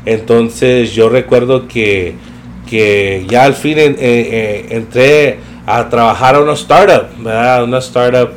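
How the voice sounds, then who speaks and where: A man's voice: medium pitch, slow pace, slight background noise. Slangy man chatting. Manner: relaxed and slangy, mixing in English phrases, many fillers. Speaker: podcast guest telling his career story. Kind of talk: casual storytelling chat.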